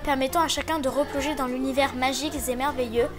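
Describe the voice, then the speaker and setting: A woman's voice: high-pitched, steady tone, quick pace, over music. A woman reading scripted voice-over narration for an amateur school news report.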